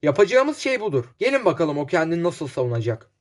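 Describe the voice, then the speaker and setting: A man's voice: on the high side, big pitch swings, fast. A man voicing a stern, contemptuous mining engineer who leads a lynch mob. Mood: scornful. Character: harsh, scornful male mining engineer leading a mob.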